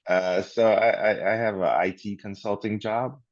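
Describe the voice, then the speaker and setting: A man talking casually on a video call through a scratchy, poor-quality bluetooth headset mic, halting and repeating words as he goes. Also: fairly low pitch, steady tone, no room sound, highs cut off. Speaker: guest on a networking video call. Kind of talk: casual conversation.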